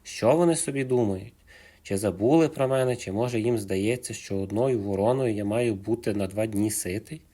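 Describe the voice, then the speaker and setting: A man voicing a huge, furious, hungry male bear who roars out threats in a husky voice. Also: lowish voice, moderate pace, lightly acted. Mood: roaring angry. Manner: roaring, shouting threats.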